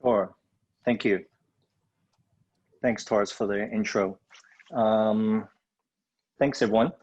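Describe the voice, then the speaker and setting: A man from Hong Kong gives a guest webinar talk over a video call in a lowish, steady, slightly mellow voice at a slow pace. He speaks loosely and conversationally with many fillers, and the call audio is dull and lo-fi.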